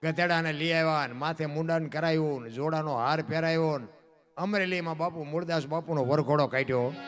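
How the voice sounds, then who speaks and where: A man's voice: fairly high pitch, brisk, soft background music. A man telling a devotional folk story, swinging his voice up and down from line to line. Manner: animated, rises and falls sharply between lines. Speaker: dayro storyteller.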